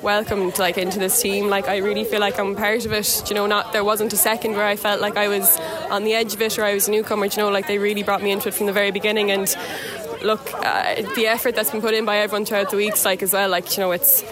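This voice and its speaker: A woman's voice: mid-range voice, flat delivery, quick pace. Young west of Ireland woman, crowd behind. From Galway, west of Ireland. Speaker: hurling player interviewed after a match. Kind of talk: casual post-match interview. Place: outdoors at a sports ground. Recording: outdoors with crowd noise behind.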